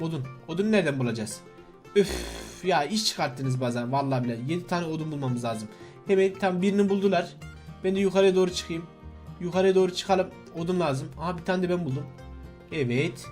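A young man with a high voice rattles off excitable gameplay commentary at a rapid clip. He laughs and shouts in alarm while talking to his viewers, with faint music playing underneath. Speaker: gaming YouTuber.

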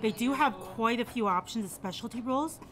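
Out on a busy restaurant patio, a young woman talks through each bite for a casual food review vlog in a chatty way. Her voice runs on the high side and a little fast, and the patio ambience is noisy.

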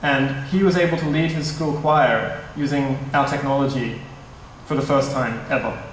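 Medium in pitch and steady in tone, a young man presents his startup at a conference meetup at a moderate pace, loose but a little anxious, and correcting himself now and then. He's in a large indoor hall with a stand mic well away from him. The result is echoey, carrying a little hiss or hum.

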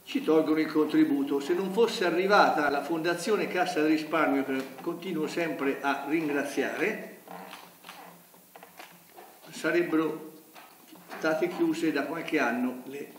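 A man's voice: fairly high pitch, unhurried, distant mic. An older man speaking bluntly and indignantly at a press conference, with a polemical manner. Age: older, about 70s. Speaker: festival director at a press conference. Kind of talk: press conference speech, reading from notes and arguing. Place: hotel conference room. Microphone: table gooseneck microphone in a roomy hall. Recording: roomy hotel hall, off-mic, background noise.

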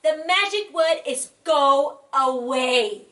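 A cheeky, rude little mouse from a children's storybook, as a woman puts him on. His voice is high and pert. The recording is a bit distant from the mic. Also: takes it slowly. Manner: pert and loud, a little higher.

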